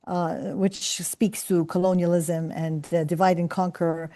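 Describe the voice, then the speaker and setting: A middle-aged woman talks to students about purpose in an earnest, reflective way. Her voice is mellow and warm, and she often pauses on fillers and restarts her sentences. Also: lowish voice, level tone. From Palestine. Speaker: professor and scientist. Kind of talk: career talk to students.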